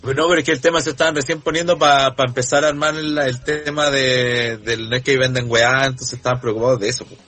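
A man's voice: medium pitch, steady tone, fast talker, few pauses, pushed and bright, faint music behind. A man with a Chilean accent telling a story in casual podcast chat, slangy and rambling with restarts. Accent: Chilean Spanish. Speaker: podcast co-host. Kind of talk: casual chat about wrestling.

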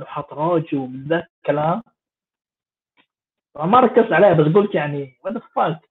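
A man giving sarcastic, mocking political commentary in a rambling way. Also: on the high side. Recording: tinny phone-like audio.

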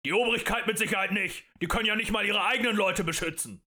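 A man voicing a gruff, bitter male craftsman heckling angrily from a crowd in an audiobook. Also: sits high, quick pace, bright, forceful tone, voice pushed up. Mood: angry. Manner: angry heckling.

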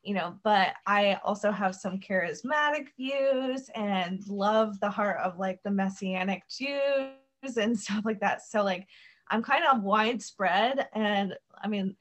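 A woman's voice: mid-range voice, takes it slowly, a bit bright. Chatty young American woman guest. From United States. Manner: chatty, peppered with "like" and "um". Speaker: podcast guest. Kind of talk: casual conversation.

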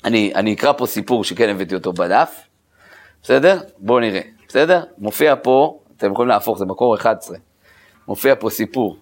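A man's voice: fairly low pitch, lively intonation. A man, a rabbi, giving a spoken Torah lesson to a group, talking conversationally, asking rhetorical questions and checking in with his listeners. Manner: conversational, uses casual fillers. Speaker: rabbi teaching a class.

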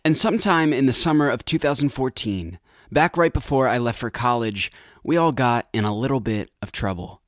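A man in his twenties narrating a scripted documentary story in a measured, reflective way. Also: mid-range voice, dry recording, studio quality. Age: 20s. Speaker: narrator and reporter.

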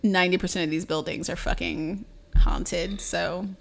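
A woman's voice: on the low side, steady tone, moderate pace, gravelly, fairly bright tone. Laughing young woman from the South. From North Carolina. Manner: laughs often, hedging with "um" and "like". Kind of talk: casual chat.

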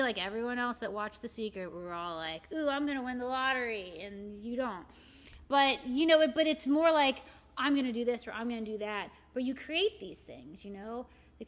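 A woman in her forties talks in loose, rambling conversation, stringing thoughts together with constant "you know" fillers. Her voice sits a little high for a woman. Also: a bit bright. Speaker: guest, shop owner and arts volunteer. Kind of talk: casual conversation.

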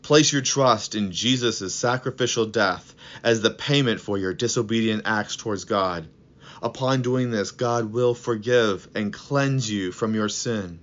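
A man preaching a podcast sermon in an earnest, measured way and telling a story to make his point. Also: on the low side, fairly bright tone, muffled recording.

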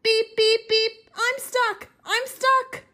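A woman voicing a small, friendly male toy truck in a storybook read-aloud, calling out in a high, eager voice. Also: flat delivery, slow pace, bright, forceful tone, heavily acted. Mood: pleading.

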